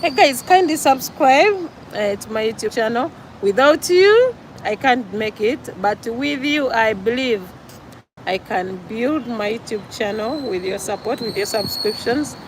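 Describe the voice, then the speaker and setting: A Ugandan woman with a Ugandan accent speaks slowly and deliberately in a slightly high voice, repeating her points in an earnest, preachy vlog monologue. She records outdoors by a road, and clear traffic noise runs behind her voice. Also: expressive, low-quality recording. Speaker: vlogger.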